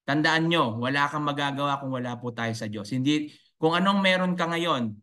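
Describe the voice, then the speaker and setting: Filipino male coach, livestream pep talk, higher-than-usual voice, sermon-like, keeps checking in with viewers. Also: moderate pace, bright, forceful tone. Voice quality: voice rises high on emphasis. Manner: preachy, faith-filled, repeats "di ba?" to the audience. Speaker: online business coach. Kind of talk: motivational live talk to viewers.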